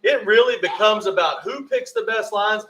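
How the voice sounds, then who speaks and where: A man doing live race commentary at a motocross event, excitable and friendly, giving shout-outs to viewers. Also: high voice, moderate pace.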